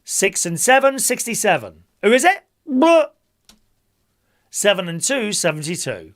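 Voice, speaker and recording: A man hosts a bingo night as its caller, in a notably high voice. His pitch leaps about in a sing-song way as he calls the numbers. He is a jokey, chummy showman who mixes rhymes with banter. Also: very animated, moderate pace, fairly bright tone. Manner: chummy, addresses players as gang and my loves.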